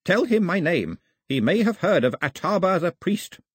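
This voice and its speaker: A man voicing a frail, bewildered old male priest, croaking, pompous and given to wailing. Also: high-pitched, sing-song, moderate pace, no echo, studio quality, pitched above the performer's own voice, exaggerated voice. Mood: querulous.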